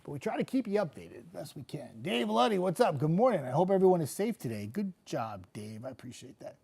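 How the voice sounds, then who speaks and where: A young male TV meteorologist with a higher voice hosts a casual live-stream chat, reading viewer comments at a fairly quick pace. He's hoarse from a coming cold, losing his voice as he gets sick. His manner is relaxed and chatty, often trailing off into quiet asides.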